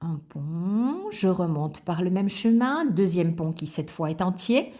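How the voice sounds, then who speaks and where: Woman teacher, slow patient explaining, lively intonation, children's lesson. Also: on the low side.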